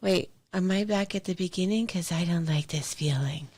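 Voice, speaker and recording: A woman's voice: on the low side, normal speed, a little mellow, breathy edge, no echo, low-quality recording. A woman co-hosting a podcast, speaking in casual, candid chat and telling her own stories bluntly and with some swearing. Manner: candid and profane, tells stories, laughs often. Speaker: podcast co-host.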